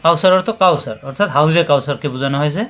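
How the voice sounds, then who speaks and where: A man teaching a word-by-word tajweed lesson, patiently drilling syllables and breaking into slow chanted recitation. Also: a little high, fairly bright tone.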